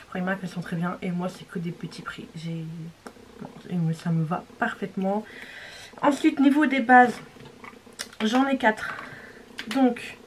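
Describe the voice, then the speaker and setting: A woman's voice: medium pitch, a little hiss or hum. A young woman talking casually through a makeup tutorial, chatty and rambling with many fillers, sometimes dropping to a whisper. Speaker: beauty vlogger.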